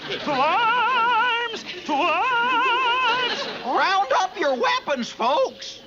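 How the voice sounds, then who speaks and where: A woman voicing an excitable, commanding creature that shouts to rally troops in a children's puppet show, muffled old audio with loud music. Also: very high-pitched, very slow, heavily acted. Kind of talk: exaggerated children's TV puppet acting.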